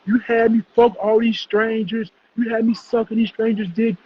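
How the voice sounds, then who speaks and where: A man's voice: very high-pitched, little pitch movement, normal speed, dull audio, slight background noise, voice pushed up. A man voicing a distraught, sobbing young woman in a raised, pleading voice. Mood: tearful pleading.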